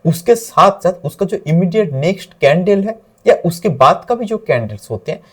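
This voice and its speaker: Guy with a husky, slightly high voice explaining trading charts, mixes in english words. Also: expressive, normal speed. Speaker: trading instructor.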